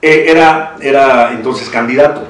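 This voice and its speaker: A man's voice: medium pitch, moderate pace, a little hiss or hum. A man with a Mexican accent in a panel discussion, talking with many restarts and chuckles. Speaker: citizen council member. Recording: echoey room from far off.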